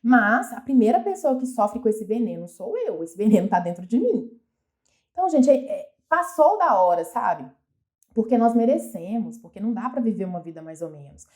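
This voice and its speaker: A woman's voice: a little high, very animated, normal speed, a little mellow. A woman with a Brazilian Portuguese accent giving an earnest, reflective motivational talk, often asking herself questions aloud. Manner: earnest, asks herself many questions, frequent restarts. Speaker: self-help speaker.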